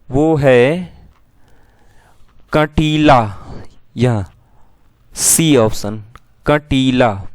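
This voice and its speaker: A man's voice: a little high, smooth, no room sound, studio quality. A man teaching an exam-prep lesson who asks his students questions and then answers them himself.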